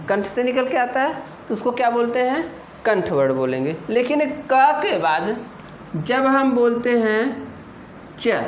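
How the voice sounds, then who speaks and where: A woman teaching an exam-prep Hindi lesson, explaining slowly and patiently and asking her students questions as she goes. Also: fairly high pitch. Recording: echoey room with faint noise.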